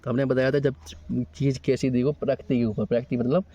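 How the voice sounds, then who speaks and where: A man's voice: mid-range voice, flat delivery, fairly quick, dark tone, lo-fi sound. A male coaching teacher walking a class through an exam paper, asking questions and checking with the students as he goes. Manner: explains in question-and-answer style, checks with students.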